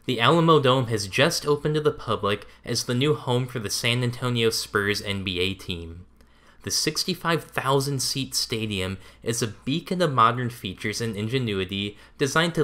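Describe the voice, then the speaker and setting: A man reading scripted documentary narration in an even, measured way. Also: lowish voice.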